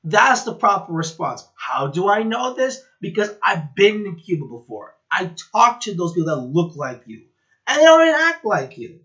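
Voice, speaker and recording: A man from Latin America giving heated, indignant reaction commentary that rises to loud outbursts. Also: sits high, very animated, normal speed. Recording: dull lo-fi audio.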